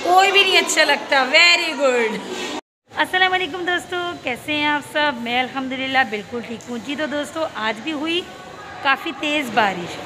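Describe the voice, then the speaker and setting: Chatty high-voiced woman teacher vlogging. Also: animated, normal speed. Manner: chatty, coaxing questions to a child. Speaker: schoolteacher and vlogger. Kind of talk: casual vlog chat. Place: school grounds and corridors. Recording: loud crowd and ambient noise. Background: children playing and chatter.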